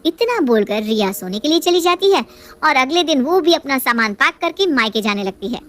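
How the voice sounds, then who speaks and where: A high-voiced woman tells a family story in a calm, steady way, like reading a storybook aloud. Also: normal speed, a little hiss or hum. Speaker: narrator. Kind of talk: storybook narration.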